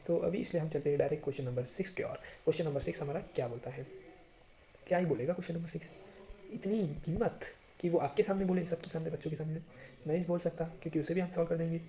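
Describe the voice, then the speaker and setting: A man's voice: fairly high pitch, mellow. A man teaching a math lesson to students, chatty and often checking if they understand.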